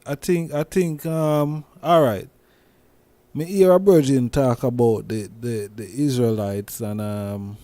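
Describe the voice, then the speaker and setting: Slow-talking Jamaican man. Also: lowish voice, mellow. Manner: slow, repetitive, with many restarts and "you see me?". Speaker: host. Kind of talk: casual commentary monologue.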